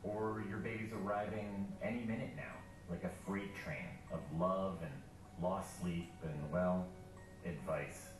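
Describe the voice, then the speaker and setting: Deep-voiced ad narrator over music, heard from afar. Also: male voice, fairly even intonation, a little slow. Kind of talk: scripted promo narration. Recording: video played in a room, echoey and distant with music.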